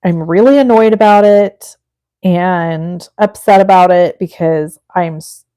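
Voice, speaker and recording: A woman's voice: fairly low pitch, measured pace, mellow, a little hiss or hum. Chatty woman in her forties crafting. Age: 40s. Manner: chatty, thinks aloud and talks to viewers. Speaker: craft live-stream host. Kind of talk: casual chat while crafting.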